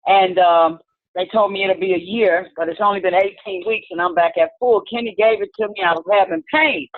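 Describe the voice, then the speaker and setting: A woman's voice: mid-range voice, a little fast, no room sound. Older woman caller, chatty storyteller, dry tinny phone sound. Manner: chatty, storytelling, acts out quotes. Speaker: caller giving a testimony. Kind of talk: casual spoken testimony. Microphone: phone call into a video meeting.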